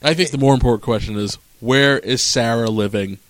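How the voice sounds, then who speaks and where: A man's voice: mid-range voice, brisk. A man co-hosting a casual chat show, laid-back and hesitant, dropping dry asides. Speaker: podcast co-host. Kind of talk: casual chat recapping a TV episode.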